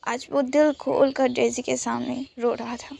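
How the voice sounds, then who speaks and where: A woman storyteller narrating a romance story in a gentle, even reading manner. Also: high voice, unhurried, vocal fry.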